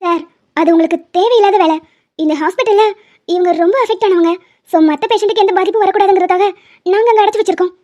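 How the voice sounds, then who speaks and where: A woman plays a scheming hospital official in a cartoon drama, curt and dismissive. She speaks in a very high, mellow voice, and the recording sounds dull and lo-fi. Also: fast. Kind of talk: cartoon voice acting.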